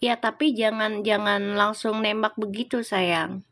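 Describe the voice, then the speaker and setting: A woman's voice: medium pitch, fairly even intonation, a little slow, fairly bright tone. A woman, hosting a casual live stream, reading viewer comments and scolding them with rhetorical questions.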